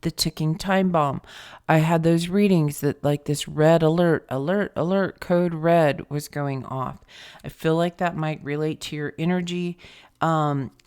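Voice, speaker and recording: A woman giving an intuitive tarot reading in a soft, meditative way, often sinking to a hushed near-whisper and pausing with fillers as she searches for words. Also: low voice, steady tone, clear, resonant tone. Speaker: tarot reader.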